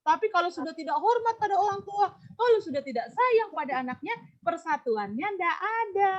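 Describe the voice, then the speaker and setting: A woman teaching a class, explaining slowly and repeating points while asking pupils questions. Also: very high voice, lively intonation, muffled recording.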